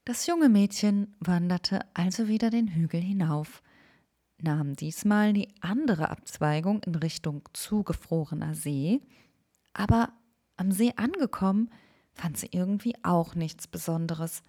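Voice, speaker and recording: Woman, bedtime story, hushed and partly whispered, very slow, mellow, lowish.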